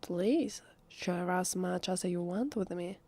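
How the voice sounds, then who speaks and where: A woman with a lowish voice and an Italian accent plays a vampire passing as human in an ASMR roleplay, evasive and flustered. She speaks in a soft, husky half-whisper, slow, hesitant and drawn-out, in a playful, denying mood, and the recording is dry.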